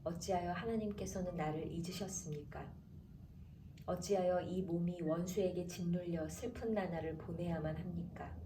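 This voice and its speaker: A woman announcer reading the Bible aloud in a calm, measured way, slowing down for the chapter headings. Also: lowish voice. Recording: roomy echo, distant from mic, faint background noise.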